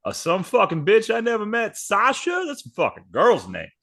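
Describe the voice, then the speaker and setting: A man's voice: high voice, wildly swooping pitch, creaky, a bit bright, heavily acted. A man voicing a brash, profane street guy from Detroit who threatens anyone who talks back. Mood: belligerent. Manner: cocky, profane, quick to threaten.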